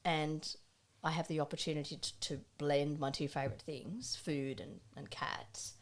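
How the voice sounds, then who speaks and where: A chatty woman in middle age, co-hosting a relaxed talk show. She rambles, breaks off and restarts her sentences, and her voice sits a little low for a woman. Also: normal speed. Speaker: co-host. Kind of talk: casual chat.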